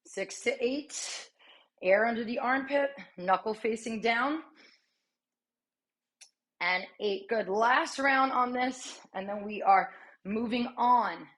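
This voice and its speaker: A woman's voice: fairly high pitch, fairly bright tone. A woman in her thirties coaching a strength workout while exercising, chatty and encouraging, with sighs and short breaths between cues. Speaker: fitness coach.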